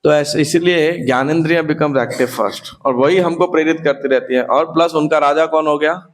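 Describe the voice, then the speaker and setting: A man teaching a youth scripture class, asking the students questions, slipping into English and chanting verses slowly. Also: a little high, rough recording.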